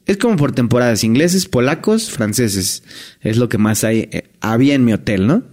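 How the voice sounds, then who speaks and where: A man with a Mexican accent, once a hotel entertainer, tells stories as a guest in casual chat, sprinkling in tag questions and restarts. His mid-range voice is a little mellow, with lively intonation and a moderate pace.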